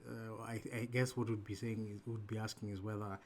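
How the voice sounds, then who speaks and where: A man with a fairly low voice moderates an online panel over a video call. He thanks the guests warmly and reads audience questions with frequent restarts, a faint hiss sitting under his voice. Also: little pitch movement, a little fast. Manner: friendly, grateful, stumbling restarts when reading questions. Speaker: host and moderator. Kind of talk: moderating a webinar Q&A.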